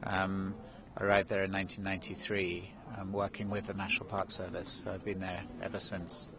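Low-pitched and gravelly, a man's completely flat, fairly quick voice answers questions haltingly, full of ums and restarts, amid background noise. He is a national park director in his forties who grew up in Kenya, interviewed live on TV outdoors in snow, with the interviewer holding a handheld mic.

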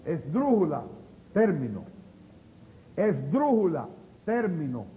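A man's voice: sits high, animated, unhurried, a little mellow, big-room sound, low-quality recording. An actor playing a patient male schoolteacher in a TV classroom comedy sketch, drilling words one by one. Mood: explaining. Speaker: teacher.

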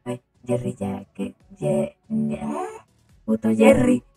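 Animated, creaky woman livestreamer. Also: on the high side, slow pace, over music. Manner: comic, cheeky. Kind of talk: casual livestream chat.

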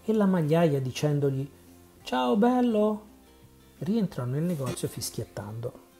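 A man reading a children's storybook aloud in a calm, measured narration. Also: on the high side, faint music behind. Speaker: audiobook reader.

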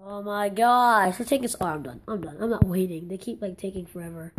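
A young woman hosting a gaming channel talks casually over a mobile game at medium pitch and a slightly fast pace. She exclaims in frustration and rambles with many restarts, with slight background noise behind her.

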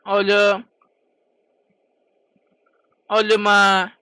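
A man giving excitable, swear-filled commentary while playing a game, hosting his own gaming channel. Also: high-pitched, very slow, clear, resonant tone, no room sound. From Turkey. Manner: excitable, swears constantly, chatty. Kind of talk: let's play commentary.

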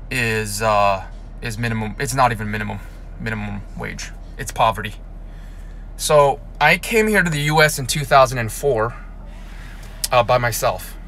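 A man in his thirties who grew up in South Korea talks through a casual live-stream monologue from the seat of a parked car. His pitch sits in the middle of the male range, and he rambles, often stopping to restart a sentence or repeat a word. The phone is held at arm's length, with a faint hum of ambience behind him. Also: a bit bright. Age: 30s. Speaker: blogger.

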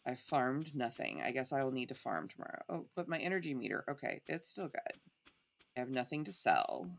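A woman's voice: extremely low pitch, very animated, fairly quick, gravelly. A middle-aged woman giving casual let's play commentary, thinking aloud as she plays.

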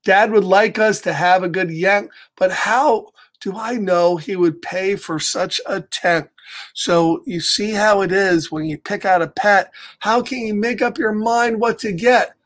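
In an unhurried, high-pitched voice, a middle-aged American man leads a children's story time, reading a picture book with chatty asides. He is animated and exaggerated, recording indoors in a small home office.

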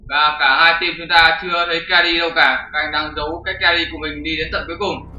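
A man's voice: a little high, level tone, fast, sharp tone, slight background noise. A man hosting his channel and commentating a game replay in a chatty, jokey way with crude slang. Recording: roomy, dull lo-fi with faint music.

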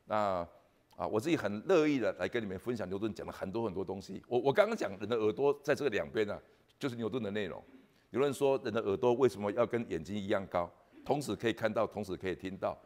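A soft-spoken man with a Taiwanese Mandarin accent preaching a Christmas sermon at a church service, halting and repeating words with frequent "ah" fillers. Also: lowish voice.

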